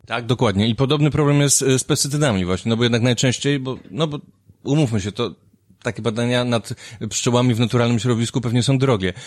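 A man's voice: mid-range voice, fast, no echo, studio quality. A man hosting an interview, asking questions casually and hesitantly, with many fillers. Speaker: interviewer, host. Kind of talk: interview conversation.

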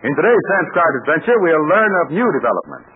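A man announcing and narrating an adventure serial in an emphatic, animated 1940s radio style, recorded on an old radio transcription. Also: quick pace, phone-quality sound. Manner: emphatic, animated sales pitch to children.

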